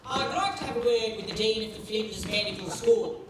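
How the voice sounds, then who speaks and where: A woman's voice: a little high, fairly quick, close to an everyday voice. A woman playing an entitled, haughty complainer with an aggrieved manner in a stage comedy sketch. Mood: indignant. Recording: distant, very echoey stage, clear noise.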